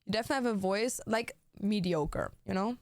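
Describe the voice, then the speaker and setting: On a gaming stream, a young woman whose first language is German talks a little fast in a mid-range, slightly mellow voice over a dry recording. She chats casually, cursing plenty and dropping "like" and "bro" all the time.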